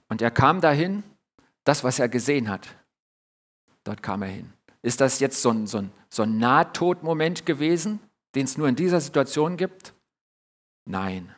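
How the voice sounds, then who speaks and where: A man preaching a sermon, addressing his listeners warmly and retelling Bible scenes with dramatic pauses. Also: medium pitch. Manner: earnest, addresses listeners directly as "ihr Lieben"; retells Bible scenes with quoted lines and dramatic drops in volume.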